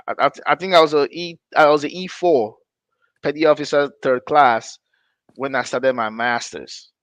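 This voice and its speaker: In this dry recording, a Nigerian podcast host in middle age rambles through a casual, story-driven chat about his own life. He keeps stopping to correct himself and laughs between points, speaking in a mid-range, slightly bright voice.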